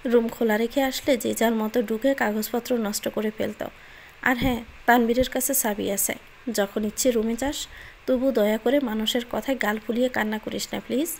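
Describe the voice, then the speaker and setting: A woman's voice: on the high side, steady tone, normal speed, a little hiss or hum, natural voice. Woman reading as a stern scolding young man. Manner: scolding, harsh, then quietly solemn. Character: young man, stern, curt, secretly tender lover.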